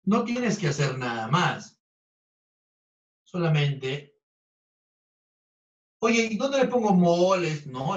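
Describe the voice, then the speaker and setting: A man runs an online chemistry review, playful and teasing, joking with his students throughout. It's captured in dull, low-fidelity audio.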